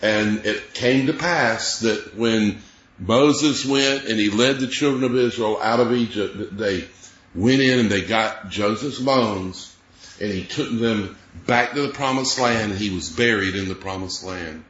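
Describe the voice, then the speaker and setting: An earnest man preaches a sermon, walking his listeners through scripture and reading verses aloud. His voice has a middle pitch and rings in a roomy space. The sound is slightly dull. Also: unhurried, a bit bright.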